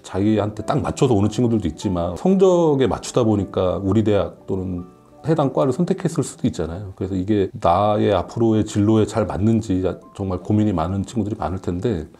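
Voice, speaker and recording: A man in his late forties with a fairly low, very mellow voice talks as a professor guest on a radio Q&A. He is candid and self-deprecating, speaking conversationally over background music. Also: expressive, brisk. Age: late 40s. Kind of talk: casual radio Q&A chat.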